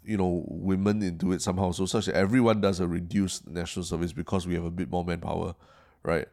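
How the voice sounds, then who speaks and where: Low-voiced Singaporean man, hesitant Singlish. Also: level tone, fast, darkish tone. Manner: hesitant and careful, often repeating words. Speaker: podcast co-host. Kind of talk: casual discussion.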